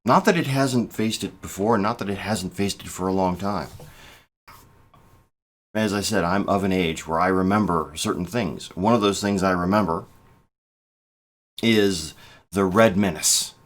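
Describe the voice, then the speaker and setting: A man in his fifties speaks in a fairly low voice, giving political commentary straight to camera. He talks in a measured, halting way, restarting phrases and leaning hard on key words. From United States. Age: 50s. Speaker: political vlogger. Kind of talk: casual spoken commentary.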